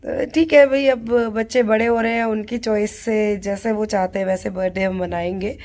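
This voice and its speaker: A woman's voice: medium pitch, fairly even intonation, normal speed. A woman filming a casual family vlog at home at night. She chats to her phone camera about her family, slips English phrases into her talk, and keeps her voice down to hide a surprise. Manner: chatty, mixes English phrases into Hindi; talks quietly to keep a surprise secret. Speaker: family vlogger and mother.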